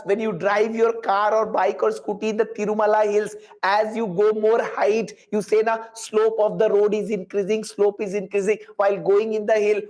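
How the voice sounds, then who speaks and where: The audio is poor, but the voice is high-pitched and a little mellow: a man with an Indian accent running a live physics class. He explains step by step, repeats phrases, and questions students with Hindi tags mixed in.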